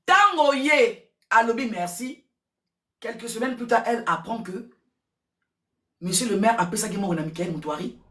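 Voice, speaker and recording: A woman giving casual gossip commentary, repeating words and switching languages in an excitable way. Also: mid-range voice, normal speed, pauses often. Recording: roomy echo, distant from mic.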